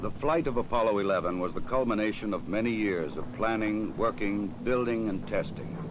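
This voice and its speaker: A man's voice: on the low side, rough recording. A man reading solemn, scripted documentary narration. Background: loud music.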